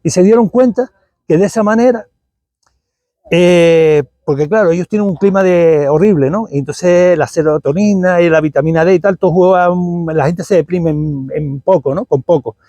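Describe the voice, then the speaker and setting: A man's voice: high-pitched, moderate pace, dark tone, no echo. A man in his sixties with a Canarian Spanish accent, giving a rambling, conversational talk at a tribute event. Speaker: invited speaker at a tribute event. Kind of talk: public talk.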